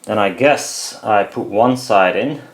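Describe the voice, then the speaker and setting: A lowish, slow male voice mumbles hesitant, casual remarks as a DIY maker works with his hands at an indoor home bench. The recording picks up clear background noise and the clicks of things being handled.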